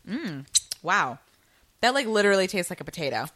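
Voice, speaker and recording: A woman's voice: medium pitch, big pitch swings, a little fast, a bit bright, slight background noise. A young woman co-hosting a casual snack-tasting chat, laughing often and reading from a booklet. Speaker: co-host reviewing snacks.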